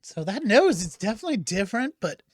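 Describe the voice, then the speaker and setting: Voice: mid-range voice, big pitch swings, fast talker, husky, no echo. A co-host on a casual whiskey tasting show, easygoing and playful while giving scores.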